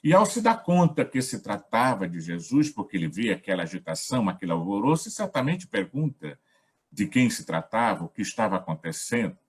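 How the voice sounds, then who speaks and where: A man with a Brazilian accent facilitating a gospel study, talking in a measured, reflective way in short phrases. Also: lowish voice, big pitch swings, breathy edge. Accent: Brazilian Portuguese. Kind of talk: reflective spiritual talk.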